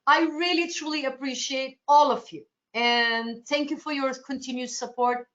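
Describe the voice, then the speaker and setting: Speaking in a high, steady voice that is a bit bright, a Turkish cruise sales presenter answers agents' questions at a moderate pace. She tends to restart her sentences, staying accommodating and reassuring throughout, and the webinar sound is lo-fi.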